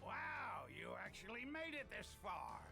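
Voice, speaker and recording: Anime game villain: pompous alien commander, high, theatrical, drawn-out delivery. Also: male voice, huge pitch swings, vocal fry, sharp tone, faint music behind, exaggerated voice. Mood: gloating. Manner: theatrical, boastful.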